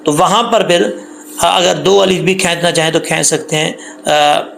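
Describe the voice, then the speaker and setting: A man teaching tajweed rules patiently, repeating points and drawing out the recited syllables slowly. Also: a little high, fairly even intonation, vocal fry, a bit bright, slight background noise. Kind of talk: tajweed lesson with slow recited examples.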